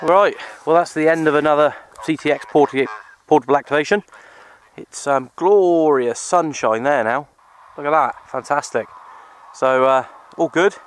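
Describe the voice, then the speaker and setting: On the high side and at normal speed, a man's voice narrates a CB radio session outdoors on an open hill. The vlogger and radio operator chats in an informal, matey way, blending a casual vlog with radio chat.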